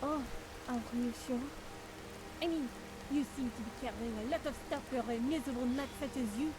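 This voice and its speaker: A woman's voice: high-pitched, brisk, natural voice. A woman voicing a boastful, threatening female wizard thief with a French accent and grandiose insults in a video game. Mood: dismissive. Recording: hissy audio with rain noise.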